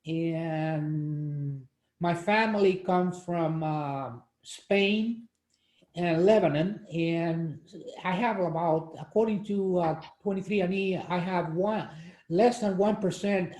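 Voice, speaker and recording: A Cuban-born man in his sixties leads a casual group discussion on a video call, explaining an article with many fillers and restarts. His voice is on the high side, slow and darkish, in an echoey room.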